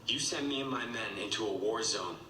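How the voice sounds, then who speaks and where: An actor playing an earnest young soldier in a TV drama, heard through TV speakers in an echoey room. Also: male voice, fairly low pitch, brisk, sharp tone, distant mic. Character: young soldier pleading with an officer. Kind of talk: TV drama acting. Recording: TV audio heard from afar in an echoey room with noise.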